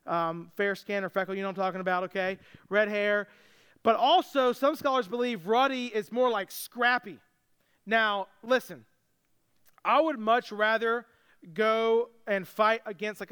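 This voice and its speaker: A man's voice: high voice, pushed and bright, smooth. A young man preaching a sermon as pastor, casual and joking as he tells the story.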